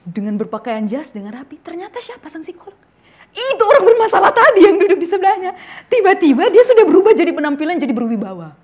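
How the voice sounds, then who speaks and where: Lively chatty woman retelling a film. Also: extremely high pitch. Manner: chatty, many fillers, animated storytelling. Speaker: youth Bible study speaker. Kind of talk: casual teaching talk, retelling a film.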